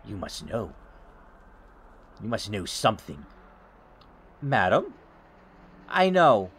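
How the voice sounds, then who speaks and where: A man's voice: lowish voice, wildly swooping pitch, takes it slowly, a bit bright, slightly rough, voice pushed down, exaggerated voice. A man voicing a guilt-ridden male debt collector who speaks in a grave, formal and remorseful way.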